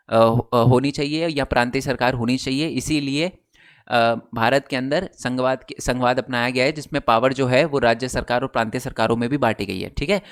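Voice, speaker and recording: Young male tutor, conversational explainer, frequent check-ins, mixes in English terms. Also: mid-range voice. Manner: conversational, checks in with "ठीक है" often, filler "अ". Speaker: teacher. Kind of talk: casual explainer lesson.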